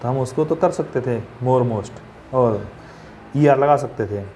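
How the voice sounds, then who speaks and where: A man gives a patient classroom grammar lesson at a middling pitch. He poses questions and answers them himself, spelling words out letter by letter. A faint noise sits under the recording. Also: slow pace, dark tone. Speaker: English grammar teacher.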